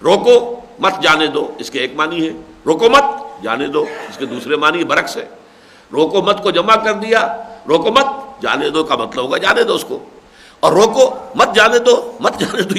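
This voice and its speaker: An older man, a Quran scholar giving tafseer, recites Arabic verses in a religious lecture and then explains them patiently. His voice is on the high side with a sharp tone.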